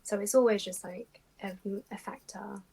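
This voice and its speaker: A young woman guest in a casual interview, explaining her views in a calm, measured way. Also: medium pitch, creaky, a little hiss or hum, poor audio.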